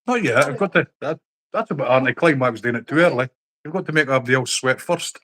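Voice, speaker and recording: A man's voice: medium pitch, animated, fast, fairly bright tone. Blunt, sweary man bantering. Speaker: host. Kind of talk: casual chat on a livestream.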